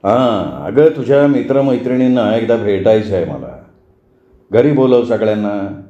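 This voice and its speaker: A man playing a stern middle-aged father who asks slow, controlled, probing questions. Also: on the low side, animated, mellow, close to an everyday voice. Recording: roomy, dull lo-fi recording.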